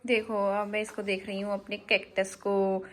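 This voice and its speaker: A woman's voice: mid-range voice, flat delivery, normal speed, natural voice. A woman voicing a cheerful, chatty baby girl, narrating a vlog in the first person in sweet, sing-song baby talk. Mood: playful.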